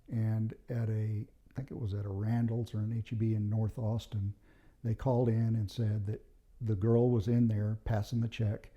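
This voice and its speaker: A man's voice: fairly low pitch, mellow, lo-fi sound. A former police officer, a man, tells true stories from his time on the job in a casual, plain-spoken, matter-of-fact way. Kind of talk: casual anecdotal storytelling.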